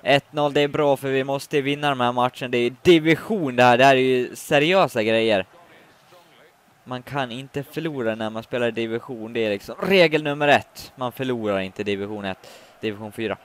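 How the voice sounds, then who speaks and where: A man giving live commentary on his own football video game match, muttering complaints and then shouting when a goal goes in. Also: medium pitch. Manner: swings from muttering to shouting at goals. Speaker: gaming commentator.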